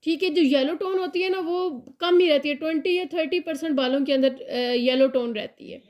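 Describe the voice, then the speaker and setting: High-voiced woman teaching hair colour. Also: normal speed, a little mellow. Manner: patient, repeats key points, mixes English terms into Urdu-Hindi speech. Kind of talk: classroom tutorial.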